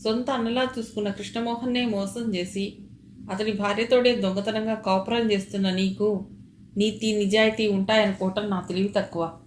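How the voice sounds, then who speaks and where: A woman reading aloud, voicing a hot-tempered man who shouts accusations, recorded with a roomy echo. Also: medium pitch, fairly even intonation, moderate pace, a little hiss or hum, lightly acted. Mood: furious.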